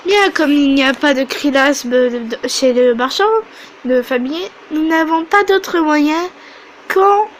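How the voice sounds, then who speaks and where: A woman voicing a calm male guide who explains things patiently, a bit lower than her own voice. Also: unhurried, slight background noise, poor audio. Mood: explaining.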